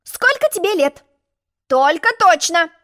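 A woman voicing a pompous, boastful egg-shaped male character in a storybook reading, haughty and quick to take offense. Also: very high voice, big pitch swings, pushed and bright, voice pushed up, full character voice. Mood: indignant.

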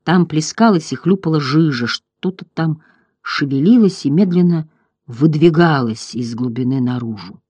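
An expressive audiobook narrator tells a fantasy story with dramatic rises and falls. The voice sits in a middle pitch. The recording is dry and close. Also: moderate pace, husky, no echo.

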